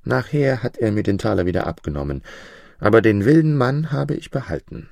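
A man voicing a poor, feisty peasant mother, speaking higher, louder and indignant. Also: very animated, brisk, creaky, no room sound, clean studio sound, exaggerated voice. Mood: complaining.

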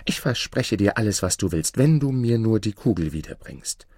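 A man voicing a spoiled young princess, whiny and eager, in a high, pleading way, reading a fairy tale. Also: animated, moderate pace, mellow, no room sound, clean studio sound.

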